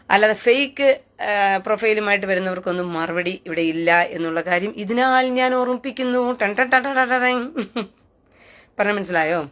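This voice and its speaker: A woman's voice: medium pitch, fairly bright tone. A woman hosting a live stream, taunting and scornful, who keeps asking jeering questions. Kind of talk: mocking live rant.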